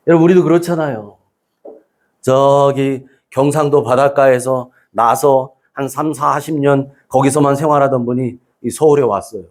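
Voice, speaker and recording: A man's voice: medium pitch, a little mellow. A man pastor preaching a Sunday sermon, emphatic, prodding the congregation with rhetorical questions.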